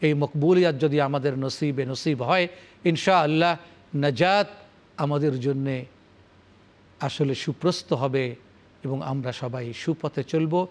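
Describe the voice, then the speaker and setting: A man's voice: fairly high pitch, measured pace, long pauses. A man giving a televised religious lecture on the Quran. He recites Arabic verses and explains them in formal, rhythmic, repeated phrases, addressing his audience solemnly. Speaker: Islamic scholar presenting Quran commentary.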